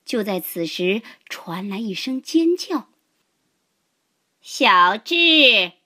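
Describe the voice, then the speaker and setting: A woman narrating a children's fable in an expressive, unhurried storytelling voice. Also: mid-range voice, breathy edge.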